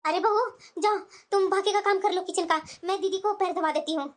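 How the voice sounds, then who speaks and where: A woman voicing a middle-aged mother-in-law in a cartoon, placating to elders and sharp with the new bride. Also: very high-pitched, fairly quick. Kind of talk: cartoon voice acting.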